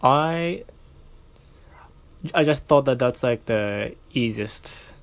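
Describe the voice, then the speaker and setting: A young man from Japan, speaking with a Japanese accent, chats as a guest on a podcast in a casual interview, hesitating with many fillers and restarts. His medium-pitched voice is animated but very slow, and the recording sounds muffled.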